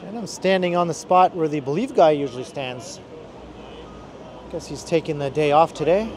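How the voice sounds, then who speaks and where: A man's voice: fairly high pitch, moderate pace, darkish tone. A man giving casual walking tour commentary outdoors on a busy city street. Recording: clear outdoor street noise. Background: city traffic and street noise.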